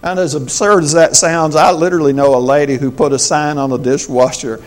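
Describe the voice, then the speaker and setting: A man's voice: on the high side, fairly even intonation, brisk. A man in his sixties preaching a sermon as the pastor, in a folksy, conversational way with joking asides. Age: 60s.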